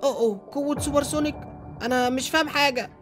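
A young man with an Egyptian accent, excitably hosting and narrating a game movie. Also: very high-pitched, fast talker, over music. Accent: Egyptian Arabic. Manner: excitable, exclamatory. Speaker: YouTube gamer host.

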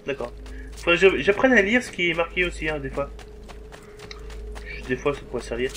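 A man's voice: a little high, lively intonation, brisk, pushed and bright, a little hiss or hum. A man with a swearing, joking manner, giving a let's play commentary and talking back to the game. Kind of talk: gameplay commentary.

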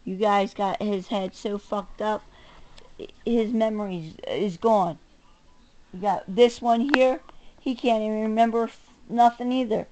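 A middle-aged self-recording vlogger rants to camera in anger, cursing, stressing her words and swinging between muttering and a raised voice in a combative, emphatic way. She has a warm, medium-pitched voice and a measured pace; the rough recording has a little hiss or hum.

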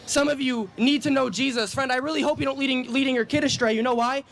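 A man's voice: very high voice, fairly even intonation, fast, vocal fry, a bit bright. A man preaching on a city street outdoors, insistently quoting scripture and cutting in with questions.

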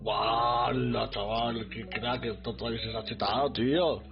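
A man with a Spain Spanish accent giving excitable live commentary on his gameplay, talking to his chat. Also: mid-range voice, measured pace, muffled recording, over music. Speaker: streamer.

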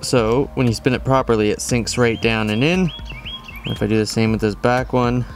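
A man's voice: mid-range voice, moderate pace, soft background music. Chatty man explaining outdoors. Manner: relaxed, rambling, chatty with fillers. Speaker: outdoor channel host. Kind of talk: casual how-to demonstration. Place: backyard lawn, outdoors.

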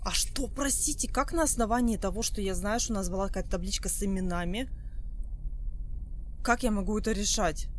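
Puzzled woman streamer muttering over noisy rumble. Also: brisk. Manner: puzzled thinking aloud, muttering to herself. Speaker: gaming streamer. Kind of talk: casual horror game let's play commentary.

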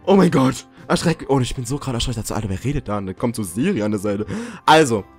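Excitable young man with lively pitch. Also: rapid-fire, faint music behind. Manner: excitable, jokey, swears and yelps when startled. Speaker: gaming YouTuber. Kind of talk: casual let's-play commentary.

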